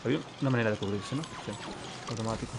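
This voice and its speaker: A man's voice: on the low side, normal speed, very noisy. A man with an accent from Spain giving casual, playful, slangy commentary as he plays a game. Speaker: gamer. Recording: loud game music and effects behind.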